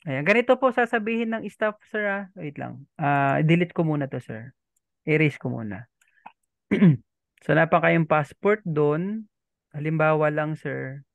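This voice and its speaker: A man's voice: a little high, animated, measured pace, vocal fry, dry recording. A man teaching a language lesson in a patient, polite way, often repeating himself and checking that the learners follow.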